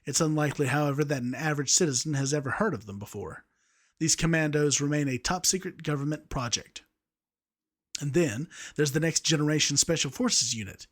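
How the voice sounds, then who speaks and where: A man's voice: on the high side, fairly quick. A young man reading a story aloud, amused by the text he narrates. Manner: amused, breaks off to laugh at the text.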